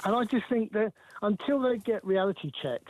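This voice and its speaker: A man's voice: high-pitched, brisk, no echo, low-quality recording. A man in his sixties from England, calling in to a phone-in show and talking hesitantly with many ums and restarts. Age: 60s. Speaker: caller. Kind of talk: phone-in call.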